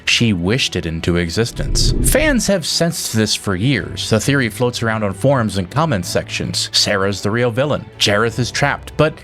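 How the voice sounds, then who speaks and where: A man's voice: fairly low pitch, sing-song, moderate pace, few pauses, a bit bright, soft background music. A man giving a scripted narration for a film analysis video, laying out his argument in an emphatic, case-building manner.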